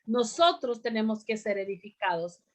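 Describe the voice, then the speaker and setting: A woman teaching a bible lesson to a women's group, speaking deliberately and often pausing on "amén" to ask her listeners questions. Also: on the high side, sing-song.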